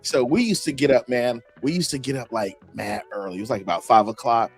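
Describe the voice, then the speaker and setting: A man's voice: medium pitch, brisk, vocal fry, slightly rough, faint music behind. A man hosting a podcast, chatting casually and telling stories full of slang and laughter. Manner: slangy, animated storytelling with frequent laughs. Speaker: podcast host. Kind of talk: casual chat.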